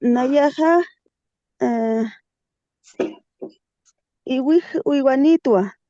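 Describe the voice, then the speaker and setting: A woman's voice: high-pitched, extremely slow, mellow, no room sound, lo-fi sound. A woman student giving hesitant answers in an online class.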